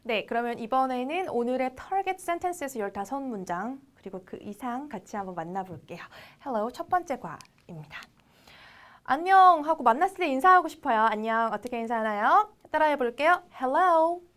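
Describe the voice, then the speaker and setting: Lively high-voiced woman teaching English. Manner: reads English phrases very slowly for repeating; explains in Korean, then models English lines. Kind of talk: recorded English lesson for Korean learners.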